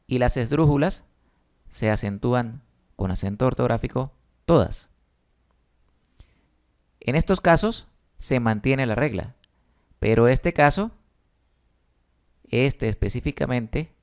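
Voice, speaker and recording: A man's voice: mid-range voice, a little mellow, smooth. A man, patiently explaining a spelling lesson with emphatic stresses. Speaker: teacher.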